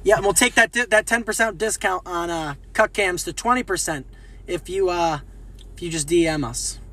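A man's voice: high-pitched, moderate pace, bright, forceful tone. A young man co-hosting a podcast, joking around and laughing through crude banter. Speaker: podcast co-host. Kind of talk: casual chat.

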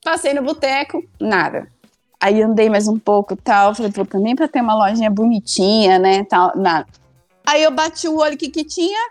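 A woman's voice: on the high side, moderate pace, dry recording, soft background music. A young woman tells a funny story casually, acting out her own lines. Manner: animated, acts out her own past lines.

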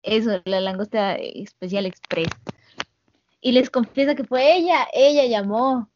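A woman's voice: fairly high pitch, measured pace. A woman hosting a casual anime recap chat, laughing often and acting out lines over an online call mic. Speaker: podcast host recapping an anime. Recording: slightly dull, dry call audio.

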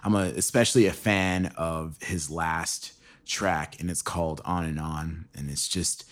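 A man's voice: low-pitched, steady tone, a little slow. A man hosting a podcast, introducing a guest in a rambling, laid-back way with plenty of fillers. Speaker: podcast host. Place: home with a dog nearby.

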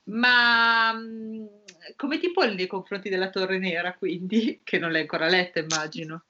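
A woman co-hosts a podcast in relaxed, conversational style. Her voice is bright and sits at a medium pitch. It comes through a dull, low-quality online stream. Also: moderate pace, slight background noise. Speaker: podcast co-host. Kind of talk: casual chat. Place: remote call recording, no studio.

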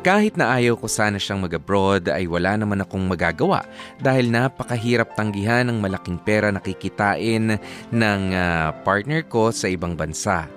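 A man playing a devoted, resigned husband and father, narrating a letter in a radio drama in a measured, sincere, reflective way. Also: fairly low pitch, animated, fairly bright tone, faint music behind. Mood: wistful, resigned.

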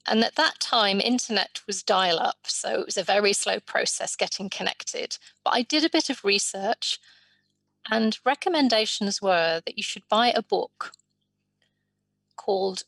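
A woman voicing a guest's life story in an interview, in measured, drawn-out phrases. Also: mid-range voice, animated, vocal fry, a bit bright, no room sound.

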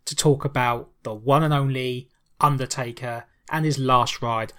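A man's voice: mid-range voice, fairly even intonation, measured pace, sharp tone. A man hosting a podcast, opening the show with grand ringmaster-style showmanship. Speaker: podcast host.

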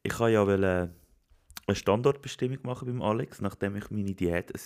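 A man's voice: on the low side, a little fast, darkish tone. A man co-hosting a casual podcast chat, joking and bantering playfully. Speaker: podcast co-host.

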